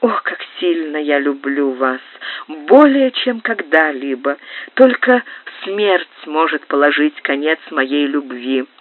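Woman doing a worked-up young countess from an old novel, lively pleading voice, thin phone-like sound. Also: moderate pace. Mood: tender. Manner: emotional, pleading, high-strung. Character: agitated young noblewoman, a countess in love. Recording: narrow phone-like band, dry.

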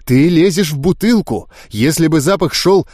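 A man's voice: a little high, normal speed, a little mellow, no echo, studio quality, natural voice. A man voicing a stern young sorceress losing her patience. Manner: stern, near growling.

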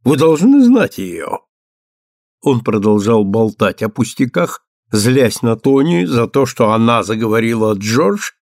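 A man narrating a novel as an audiobook in a measured, even reading. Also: mid-range voice, gravelly, no echo, clean studio sound. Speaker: audiobook reader.

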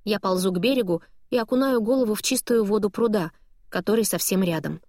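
A woman reading a novel aloud as a first-person audiobook narrator, lively and expressive. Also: medium pitch, fairly quick, dry recording, clean studio sound.

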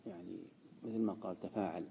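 A man's voice: low voice, steady tone, quick pace, vocal fry, long reverb tail, muffled recording, slight background noise. A man teaching a classical text as a sheikh, explaining and repeating key words. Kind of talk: lesson explaining Quranic word usage.

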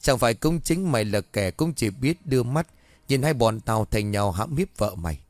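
A man's voice: mid-range voice, lively intonation, moderate pace, no room sound, lightly acted. A man voicing a badly wounded man who begs for his life and then taunts his killer in a spoken horror story. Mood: taunting. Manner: strained, taunting. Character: wounded dying man, pleading and spiteful.

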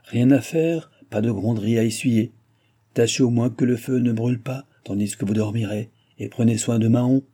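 A man's voice: medium pitch, moderate pace, warm tone, lightly acted. A man doing a blustering selfish old baron. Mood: brusque. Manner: blustering, raises his voice.

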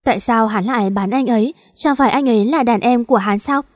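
A woman's voice: fairly high pitch, fast talker, lightly acted. A woman reading a story voices a young pregnant woman in grief, pleading and close to sobbing. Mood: distraught. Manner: pleading, breaking into sobs.

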